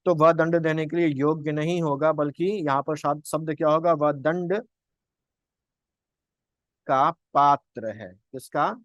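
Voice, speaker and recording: A young male tutor explains exam answers in a fairly high voice. He quizzes his listeners and answers his own questions. The recording is dry and close, with no room sound. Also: a little slow, dry recording, dull audio. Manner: asks questions and answers them himself, repeats points. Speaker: exam-prep Hindi teacher.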